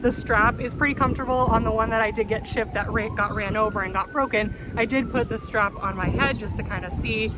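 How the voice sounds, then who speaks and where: A woman's voice: fairly high pitch, fairly even intonation, fairly quick, hardly any pauses. An upbeat woman talking casually and enthusiastically to viewers as she presents hiking gear. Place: outdoors in a windy city backyard. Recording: noisy outdoor city ambience, wind and traffic. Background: wind, vehicles, urban outdoor noise.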